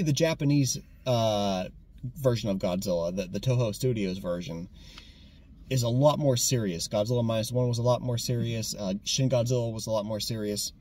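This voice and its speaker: A young American man giving a casual, animated movie review, often restarting his sentences and repeating words when excited. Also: mid-range voice. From United States. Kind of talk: casual conversational film review.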